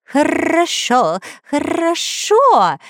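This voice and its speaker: A woman's voice: high-pitched, wildly swooping pitch, drawn-out words, fairly bright tone, no echo, studio quality, pitched above the performer's own voice, exaggerated voice. A woman voicing a cowardly, fawning male pet parrot in a storybook reading, squawky and stammering. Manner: squawky, eager to please, stammering. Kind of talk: storybook narration.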